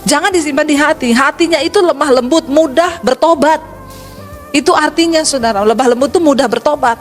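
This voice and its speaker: A woman's voice: high voice, fairly quick, faint music behind. A middle-aged woman pastor from Sulawesi preaching a sermon with humor, acting out quoted voices and calling the congregation brothers and sisters.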